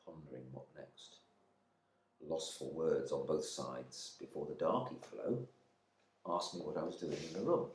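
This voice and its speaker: In a dramatic monologue read from a novel, an actor takes on the part of a stuffy husband home from the war, indignant and pompously narrow-minded. The room echoes as his pitch lurches between low mutters and sudden outbursts.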